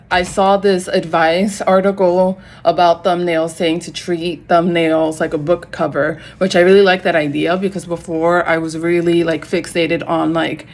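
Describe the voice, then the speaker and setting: A young woman vlogging casually to her phone camera at home, rambling with lots of fillers and rushing when nervous. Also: deep voice, darkish tone. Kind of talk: casual vlog talk to camera. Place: home, on a couch.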